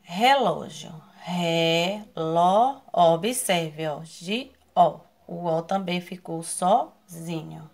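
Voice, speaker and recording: Slow, patient Brazilian woman teacher. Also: fairly low pitch, vocal fry, darkish tone. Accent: Brazilian Portuguese. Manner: slow, patient, spells out syllables, asks questions often. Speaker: primary school teacher. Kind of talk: online class for children.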